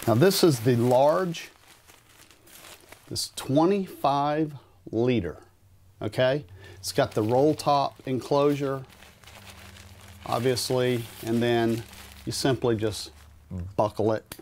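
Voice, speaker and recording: A man in his thirties giving a relaxed, plain-spoken demonstration of camping gear while handling it in a carpeted room at home. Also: mid-range voice, takes it slowly, pauses often, slight background noise. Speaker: gear reviewer. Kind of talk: casual product demonstration. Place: carpeted room in a house, indoors.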